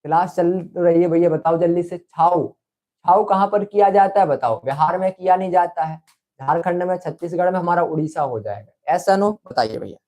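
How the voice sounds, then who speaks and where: Young male online tutor, high-pitched, repetitive and coaxing, quizzing a live class. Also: normal speed, mellow. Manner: coaxing, repetitive, calls students brother. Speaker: online exam-prep teacher.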